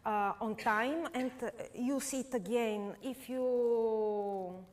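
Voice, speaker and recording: A Bulgarian woman painter with a Bulgarian accent and Bulgarian as her first language, demonstrating live before an audience. She speaks in halting, simple English with many pauses. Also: fairly high pitch, darkish tone. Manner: halting non-native English with frequent uh pauses.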